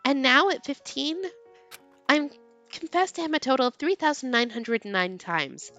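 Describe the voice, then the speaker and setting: A woman reading game text aloud with expressive narration and casual commentary, as a let's player. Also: high-pitched, normal speed, dry recording, highs cut off, soft background music.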